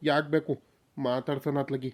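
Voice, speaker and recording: A man's voice: medium pitch, brisk, natural voice. A man voicing a timid village man in a cartoon, who mutters nervous asides to himself and pleads his innocence. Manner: nervous muttering asides, flattering when addressing the granny. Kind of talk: cartoon voice acting.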